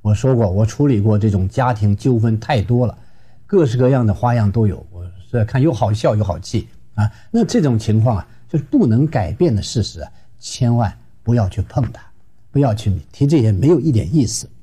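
Man, marriage counselor, emphatic lecture, husky tone, pitch swinging widely. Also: a little fast. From Shenyang, Northeast China. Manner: lively and emphatic, acting out quarrels. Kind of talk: advice lecture.

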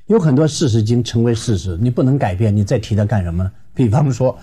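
A man from Shenyang, a marriage counselor giving an advice lecture in a lively, emphatic way. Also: mid-range voice, quick pace, slightly rough. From Shenyang, Northeast China. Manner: lively and emphatic, acting out quarrels.

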